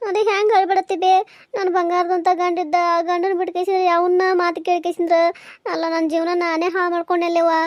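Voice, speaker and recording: A plaintive young village wife, pregnant and missing her husband, voiced by a woman. She speaks high and quick, pleading. The sound is dry and close. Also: fairly even intonation, no echo. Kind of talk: cartoon voice acting.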